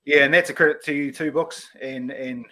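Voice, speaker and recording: Halting man with a broad Kiwi accent. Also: medium pitch, fairly even intonation, sharp tone. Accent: broad New Zealand. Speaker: online speedway series guest. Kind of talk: casual live-stream chat.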